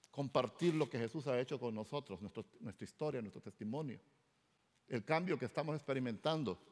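A middle-aged male pastor, telling his conversion story in a sermon and acting out the dialogue. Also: medium pitch. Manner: storytelling, animated, acts out quoted dialogue. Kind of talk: sermon testimony. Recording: long hall reverb.

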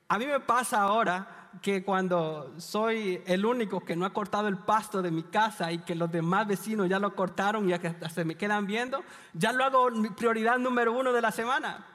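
Male pastor from El Salvador, high register; chatty, confiding sermon delivery; long hall reverb. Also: fairly bright tone. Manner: conversational, confiding, with light humor. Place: church hall.

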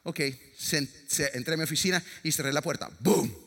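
Bright-voiced preacher, church echo. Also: male voice, on the high side, fairly quick, creaky, slightly rough. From Latin America. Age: middle-aged. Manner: lively, dramatic storyteller with sound effects and jokes. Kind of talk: sermon with storytelling. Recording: long reverb of a large hall.

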